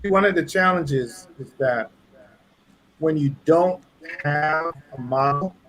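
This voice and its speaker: A man's voice: fairly high pitch, slow pace, fairly bright tone, soft background music, low-quality recording. A man from Trinidad with a Trinidadian accent, a pastor and guest, telling his story in an earnest, reflective way. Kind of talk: casual chat.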